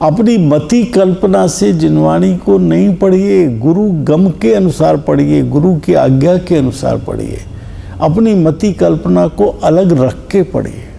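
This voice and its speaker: Gravelly, mellow-voiced man teaching scripture. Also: fairly high pitch, a little hiss or hum. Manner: explains slowly with examples, stresses words. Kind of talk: Jain scripture discourse. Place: discourse hall.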